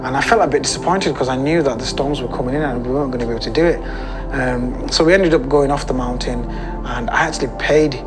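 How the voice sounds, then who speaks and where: A British man, an adventurer, telling his story in a lively, conversational way and speeding up when excited. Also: medium pitch, quick pace. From United Kingdom. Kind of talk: interview storytelling. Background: background music.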